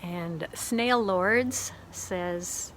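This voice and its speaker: At home, a book reviewer talks casually and thoughtfully about books she loved, offering recommendations in a relaxed vlog. Her voice sits on the low side, a bit bright, and very slow. Slight background noise is present.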